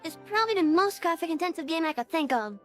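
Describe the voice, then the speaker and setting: A streamer speaks through a real-time voice changer that gives a high, feminine-sounding voice. The talk is loose and rambling, with plenty of ums and restarts. Faint music plays softly behind. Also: expressive, quick pace. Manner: rambling, many fillers and restarts. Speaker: game streamer. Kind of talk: casual live-stream chat.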